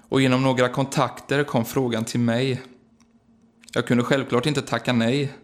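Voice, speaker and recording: A man reading aloud a heartfelt personal remembrance, in a quiet, earnest and reflective way. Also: mid-range voice. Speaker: singer remembering his late grandfather. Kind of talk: read-aloud personal memorial narration.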